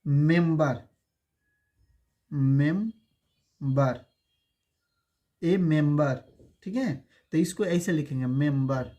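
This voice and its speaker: A man teaching a basic spoken English lesson, repeating words slowly and calling his students by fond names. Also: fairly high pitch, a little mellow. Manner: calls students affectionate names.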